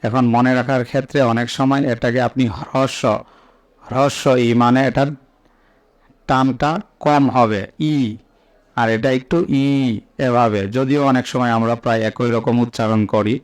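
A man teaching as he recites each item slowly and enunciates it carefully, with explanations in between. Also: mid-range voice, steady tone. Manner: slow, deliberate, enunciating each letter. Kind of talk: slow instructional recitation.

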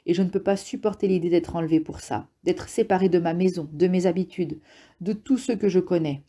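A woman reads a jittery middle-aged man who blusters and pleads by turns in this audiobook. The voice sits low and dark, with a husky grain. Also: normal speed. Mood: defensive, agitated. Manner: agitated, blustering, sometimes pleading. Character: nervous middle-aged male rentier, defensive.

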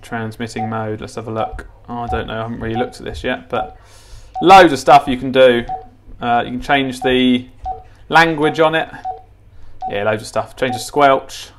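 Background noise accompanies a man speaking at medium pitch and normal speed. He's presenting a gadget how-to indoors by a tiled kitchen counter, keeping the hands-on lesson informal and unscripted, often repeating himself and thinking aloud.

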